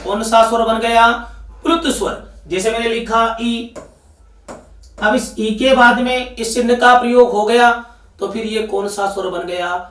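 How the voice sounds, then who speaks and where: Man, Rajasthani Hindi accent, teacher, very high voice, echoey room, distant mic. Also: steady tone, unhurried, a bit bright. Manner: asks the class questions and answers them himself. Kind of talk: exam-prep grammar lesson.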